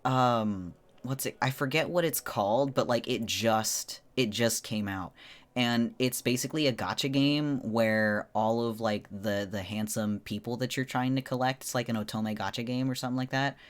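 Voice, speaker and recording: A man's voice: medium pitch, moderate pace. A man streamer talking casually and informally to viewers on a solo livestream, in a rambling way.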